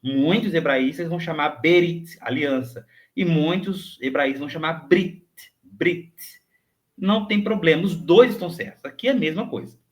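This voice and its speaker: A man's voice: fairly high pitch, brisk, few pauses. A man teaching a recorded lesson, patiently repeating each word and checking in with his students often. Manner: clears throat, thinks aloud with hesitations. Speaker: Hebrew teacher. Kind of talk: recorded online grammar lesson.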